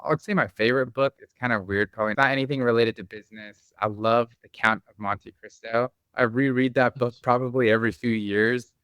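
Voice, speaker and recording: A man's voice: mid-range voice, steady tone, brisk, hardly any pauses, fairly bright tone, clear, resonant tone, no echo. A man who grew up in the Bosnia and Croatia area, a company founder talking as a guest in a podcast interview, explaining with enthusiasm and many fillers. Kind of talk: conversational interview.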